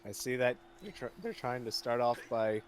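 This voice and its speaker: A man's voice: medium pitch, expressive, moderate pace, noisy background. A man co-commentating a game casually, mostly with short, laid-back replies. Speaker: guest co-commentator.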